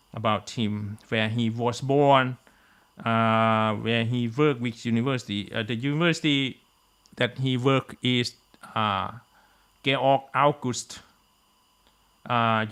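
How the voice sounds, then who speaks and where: Teaching physics online, a man with a sharp, mid-range voice switches between Thai and English. He uses many "uh" fillers and habitually checks in with "okay?"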